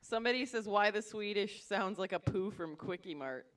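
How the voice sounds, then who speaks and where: A co-host of a casual call-in show, dropping wry, deadpan quips. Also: mid-range voice, moderate pace.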